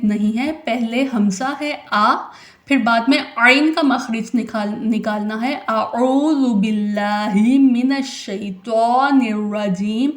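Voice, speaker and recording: A woman teaching Quran recitation. She calls out syllables loudly and slowly, then explains quickly and more softly. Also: on the high side, echoey room. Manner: loud sung-out syllable drills, then quick soft explaining. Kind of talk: recitation lesson, drilling syllables.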